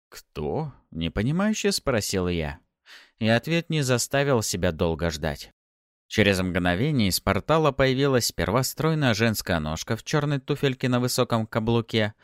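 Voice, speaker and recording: A man narrating a first-person audiobook in a lively, expressive way. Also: fairly low pitch, smooth, no room sound, clean studio sound.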